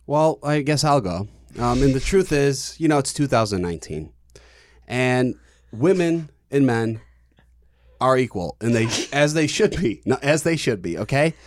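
A man's voice: medium pitch, measured pace. Man with an everyday mid-range voice, dry jokes delivered straight-faced. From Chicago. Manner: deadpan joking, mock earnest. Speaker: podcast guest. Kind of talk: casual chat.

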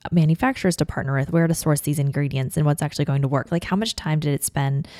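A woman hosting a podcast, reading an ad and asking an interview guest questions, brisk and encouraging with frequent "mm-hmm". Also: low voice, dark tone, no room sound, clean studio sound. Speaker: podcast host.

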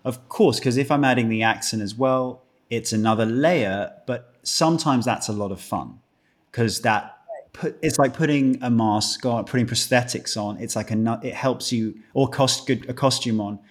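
A man's voice: mid-range voice, moderate pace. A British man in his thirties, a guest actor chatting casually on a podcast, joking and mocking himself, often restarting his sentences. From Britain.

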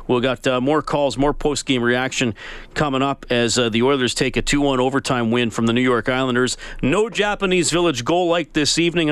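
A man hosts a sports call-in show in a smooth, mid-pitched voice. He sits close to the microphone in a dry radio studio. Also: fairly bright tone, no room sound. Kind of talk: post-game radio talk with sponsor reads. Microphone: close broadcast microphone.

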